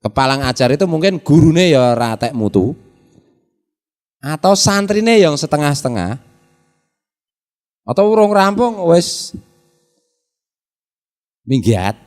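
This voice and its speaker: Man, Javanese accent, middle-aged kyai, folksy lecture, warm dark tone, long hall reverb. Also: medium pitch, expressive, unhurried, pauses often. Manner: folksy, mixes Javanese into Indonesian, asks the audience rhetorical questions. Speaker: kyai teaching a pesantren study circle. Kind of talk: religious lecture. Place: prayer hall of a traditional boarding school.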